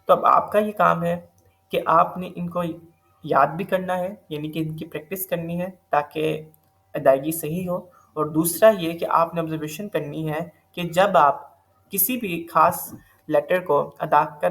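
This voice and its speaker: A man's voice: a little high, creaky, a bit bright. Patient male recitation teacher, slightly sore throat. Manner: patient step-by-step explaining, mixing in English terms. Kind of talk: recorded online lesson.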